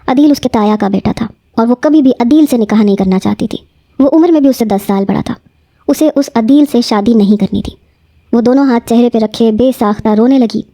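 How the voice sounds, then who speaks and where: High, mellow woman narrating a novel. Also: no room sound, studio quality. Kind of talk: scripted narration of a romance novel.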